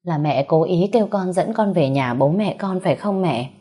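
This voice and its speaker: A woman's voice: on the low side, moderate pace, mellow, slightly rough. A woman voicing a young adult daughter who pleads through tears, in a storybook reading. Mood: tearful. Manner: sobbing, pleading.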